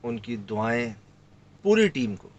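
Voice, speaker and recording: A man's voice: medium pitch, highs cut off, a little hiss or hum. A man from Sindh telling a story in casual conversation, acting out the lines of the people in it. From Sindh, Pakistan. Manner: animated, acts out quoted lines. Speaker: guest recounting a field trip.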